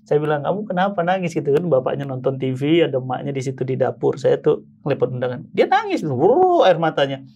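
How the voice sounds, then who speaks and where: A man hosting a podcast, telling a personal story with lively acted-out voices. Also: mid-range voice, a little fast, vocal fry, husky. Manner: lively storyteller who acts out the voices of people in his tale. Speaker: podcast host. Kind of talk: casual chat, animated storytelling.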